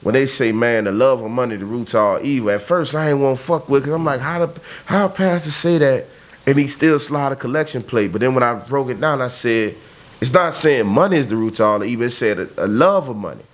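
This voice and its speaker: A man's voice: medium pitch, expressive, fast. A man in his thirties, talking bluntly and emphatically in a casual conversation. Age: 30s. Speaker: podcast host.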